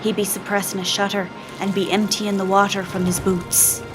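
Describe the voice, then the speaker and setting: A woman narrating a scripted pirate tale in a measured, even read-aloud voice, slipping into pirate phrasing. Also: mid-range voice, over music. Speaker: storyteller.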